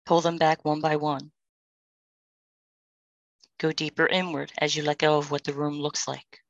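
Woman guiding a prayer meditation, low steady voice, dry close sound. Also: no echo, muffled recording. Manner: slow, soothing, calm instructions with pauses. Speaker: meditation guide.

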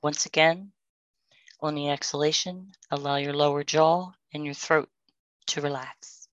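Low, flat, calm woman guiding meditation. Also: no room sound, muffled recording. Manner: slow, soothing, calm instructions with pauses. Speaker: meditation guide.

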